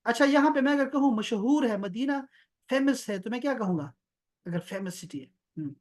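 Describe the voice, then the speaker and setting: Guy teaching arabic on a video call, says words slow and over again. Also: extremely high pitch, expressive, darkish tone. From Pakistan. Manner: explanatory, repeats words slowly for the student. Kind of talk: online one-on-one language lesson.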